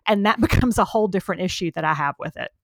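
A woman's voice: fairly low pitch, rapid-fire, creaky, a bit bright, dry recording, studio quality. A woman co-hosting a podcast in casual chat, talking in an emphatic, opinionated way with frequent laughs. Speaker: podcast co-host.

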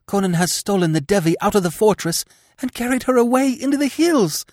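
A man's voice: a little high, very animated, unhurried, darkish tone, dry recording, clean studio sound, pitched above the performer's own voice. A man voicing a passionate, scheming young woman who pleads in a breathless, urgent rush.

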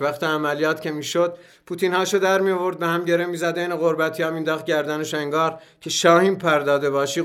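A man reading a first-person story aloud as a scripted narration, measured and vivid. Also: fairly high pitch.

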